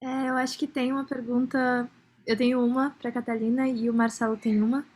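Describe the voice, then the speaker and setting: A woman with a slightly high voice that stays fairly level asks questions on an online academic panel. She speaks in a measured way and reads a colleague's question aloud. The sound comes through a video call. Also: level tone, darkish tone. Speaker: panel participant asking a question.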